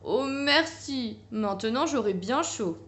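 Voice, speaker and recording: Woman playing a little storybook fox boy, high voice, whiny, slow drawn-out words. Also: expressive, a bit bright. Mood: grateful. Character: young male fox cub who feels the cold.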